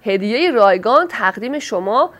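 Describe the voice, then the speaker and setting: A woman presenting a product in a sales pitch, fluently listing its features. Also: animated, fairly bright tone.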